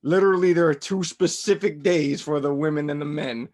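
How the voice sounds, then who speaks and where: A man co-hosting a podcast in casual chat, animated and joking, swinging between loud and soft and swearing freely. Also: on the high side, fairly quick. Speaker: podcast co-host.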